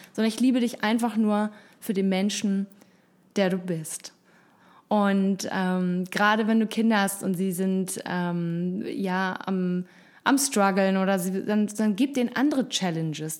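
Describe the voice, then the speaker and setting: A woman's voice: mid-range voice, darkish tone. A woman hosting a casual motivational self-help talk, frank and encouraging, with blunt swear words. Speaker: self-help podcast host.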